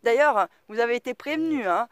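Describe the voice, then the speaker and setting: A woman's voice: fairly high pitch, animated, fairly quick, no room sound, clean studio sound. A middle-aged woman with a strong regional French accent, vlogging in a casual, rambling way, full of slang and fillers. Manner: rambling, lots of fillers like "quoi" and "euh", slangy. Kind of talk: casual vlog monologue.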